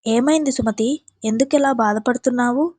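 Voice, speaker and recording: A caring young husband, read by a woman storyteller, speaks firmly in defense of his wife. The voice sits fairly high and the sound is dry and close. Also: moderate pace, no room sound, natural voice. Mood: worried. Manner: pleading, then scolding loudly.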